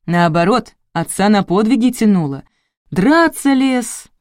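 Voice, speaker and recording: A woman's voice: medium pitch, lively intonation, unhurried, a little mellow, dry recording, studio quality, voice pushed up, natural voice. A woman reading as a whiny housekeeper. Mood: complaining. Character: self-pitying middle-aged housekeeper woman.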